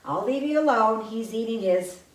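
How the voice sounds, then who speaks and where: A woman presents birds to young children in a gentle, unhurried sing-song, chatting with her bird puppets. Her pitch swoops up and down as she talks. She sounds set back from the mic in a roomy space, with a faint hum behind her. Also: animated. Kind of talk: children's educational talk. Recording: echoey room, mic far off, faint background hum.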